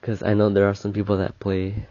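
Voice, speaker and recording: A young college student with a cold hosts a casual solo podcast, rambling chattily and correcting himself as he goes, his nose clearly stuffy. His lowish voice is warm but monotone and fairly quick. The sound is muffled and lo-fi, though without echo.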